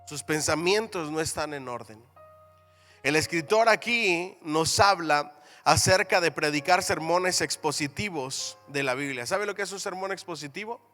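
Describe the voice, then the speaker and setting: A man's voice: on the high side, normal speed, sharp tone, faint music behind. A man teaching a Bible seminary class in a church hall, calling on the class to answer, repeat after him and say amen. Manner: call-and-response, asks the class to repeat; reads scripture aloud with emphatic rises.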